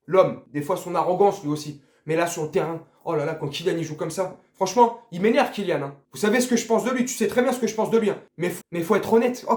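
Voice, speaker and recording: A man's voice: high-pitched, reverberant. A man ranting casually and with profanity about a football match, talking straight to his viewers. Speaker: football vlogger. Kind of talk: casual post-match rant.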